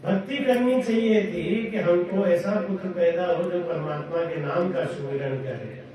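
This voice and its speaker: High-voiced man preaching in an echoey hall. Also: measured pace, slight background noise. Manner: storytelling, chants mantras, lively. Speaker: mahant giving a satsang discourse. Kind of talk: devotional sermon. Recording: echoey hall from far off, crowd behind.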